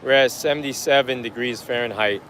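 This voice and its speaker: A man live-streaming as he walks a busy city street, rambling in a relaxed way and greeting chat viewers by name. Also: medium pitch, brisk, a little hiss or hum. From United States. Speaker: livestream vlogger. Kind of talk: casual live-stream chat while walking. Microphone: handheld phone on a gimbal.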